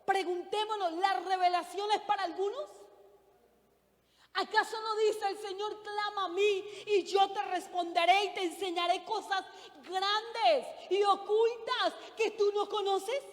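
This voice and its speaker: A woman's voice: very high-pitched, steady tone, a little slow, big-room sound. A middle-aged woman preaching a sermon, earnest, putting questions to the congregation. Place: church.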